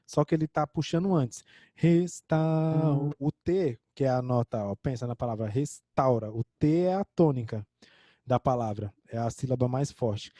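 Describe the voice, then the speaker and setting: A man's voice: fairly high pitch, mellow, no echo, clean studio sound. A man with a Brazilian Portuguese accent teaching an online music theory lesson, explaining a score step by step and singing short examples.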